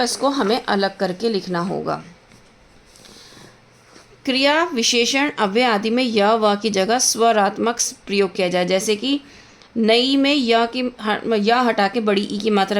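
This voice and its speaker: A woman teaching a grammar lesson, patiently spelling out words, repeating them slowly, checking in often and mixing in English words. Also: a little high. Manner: mixes English words into Hindi. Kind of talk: explaining Hindi grammar lesson.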